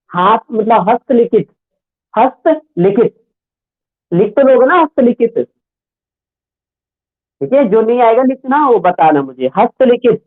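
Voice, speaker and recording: A man teaching a Hindi grammar class, slowly dictating words and repeating each one for students to write. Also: very high voice. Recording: tinny phone-like sound.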